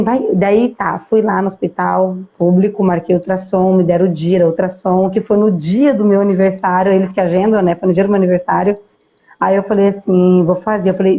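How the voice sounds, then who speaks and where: Brazilian woman guest on a live stream, chatty storytelling, warm mellow voice, sound a bit dull. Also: medium pitch. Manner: lively retelling, acting out dialogue. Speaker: interview guest. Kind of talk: casual personal storytelling.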